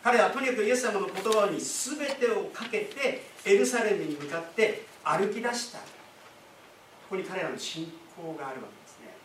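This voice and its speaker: A man's voice: high-pitched, expressive, normal speed, fairly bright tone, recorded from a distance, slight background noise. A man preaching a sermon as pastor, explaining in a conversational way with asides and rhetorical questions. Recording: echoey room, speaker away from the mic.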